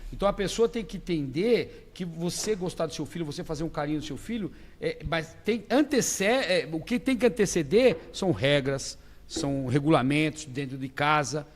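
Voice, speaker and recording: A man with a Brazilian Portuguese accent hosting a podcast, telling stories in a lively, emphatic way. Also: a little high, moderate pace, long reverb tail. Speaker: podcast host. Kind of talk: casual podcast chat.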